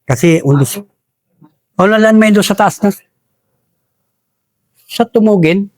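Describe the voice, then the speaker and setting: A man's voice: high-pitched, takes it slowly. A man from Basilan, a retired soldier, telling a war story in a rambling way and addressing the host as "Sir" over and over. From Basilan, Philippines. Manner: respectful, says "Sir" constantly, rambling with restarts.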